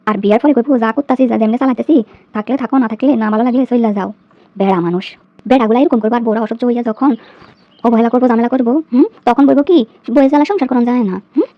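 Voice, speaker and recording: A woman's voice: a little high, quick pace, no room sound, close to an everyday voice. A woman playing an aggrieved, nagging young wife in a comedy skit, bickering and complaining with sarcastic questions in a colloquial Bangladeshi accent. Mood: indignant, sarcastic. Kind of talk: domestic comedy skit monologue. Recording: dull, lo-fi dry recording.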